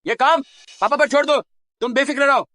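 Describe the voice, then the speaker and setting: A woman's voice: high-pitched, brisk, a bit bright. A woman dubbing a doting, scheming father who soothes his daughter. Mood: soothing. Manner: soothing, placating. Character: doting, sly father of the villain. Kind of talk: dubbed drama acting.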